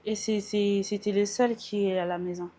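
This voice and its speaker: In this casual vlog, a young woman from France talks about her outfit, mixing English words into her French and laughing at herself. Her medium-pitched voice is warm and steady at normal speed, recorded on a small mic at home while getting ready, then outside in the street and metro.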